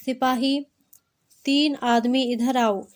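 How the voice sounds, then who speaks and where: A woman's voice: high voice, steady tone, slow pace. A woman reading the lines of a stern, fatherly army colonel in a storybook tale.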